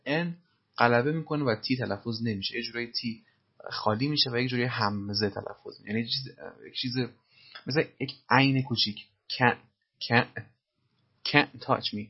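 A man's voice: mid-range voice, slightly rough, muffled recording. A man teaching English through film lines, explaining phrases patiently and methodically. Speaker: language teacher.

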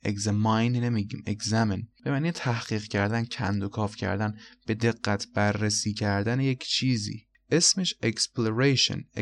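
Man, vocabulary teacher, deep-ish voice with vocal fry, slow repeated words, spells letters aloud. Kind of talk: spoken vocabulary lesson.

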